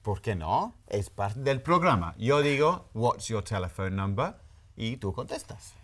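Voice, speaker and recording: A female language teacher hosts a bilingual English lesson in a very deep voice with lively intonation. She delivers clear, deliberate model pronunciation.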